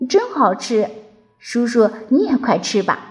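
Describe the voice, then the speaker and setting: A woman's voice: big pitch swings, measured pace. Woman doing a tearful little baby dinosaur. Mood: happy. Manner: high, childlike and tearful. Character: small crybaby baby dinosaur boy, sweet and sad. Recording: dull lo-fi recording.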